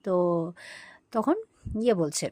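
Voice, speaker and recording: A woman's voice: mid-range voice, expressive, takes it slowly, mellow, breathy edge, dry recording. A woman retelling a TV serial episode, quoting each character and briefly acting out their lines. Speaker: serial recap narrator.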